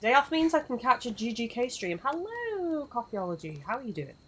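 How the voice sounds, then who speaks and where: A young woman chats her way through live gameplay, saying hi to viewers and rambling on, her voice worn after losing it lately. Her voice is on the high side, fairly bright with a breathy edge, very animated and fairly quick.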